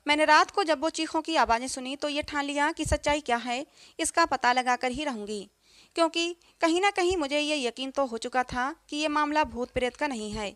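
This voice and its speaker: A woman narrating a first-person story as a storyteller, in a steady, emotional reading. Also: sits high, moderate pace, dry recording.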